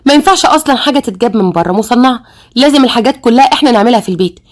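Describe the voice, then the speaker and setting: Woman playing a fussy young daughter, Egyptian accent, shrill and high, quick and indignant, audio-story voice. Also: lively intonation, close to an everyday voice.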